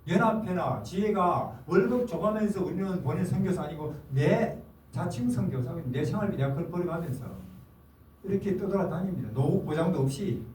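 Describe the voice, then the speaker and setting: Older male missionary preacher, high and mellow, emphatic, asks and answers himself; distant mic, roomy hall, faint hiss. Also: animated, moderate pace. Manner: earnest, emphatic, asks and answers his own questions. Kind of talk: sermon. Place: forum hall.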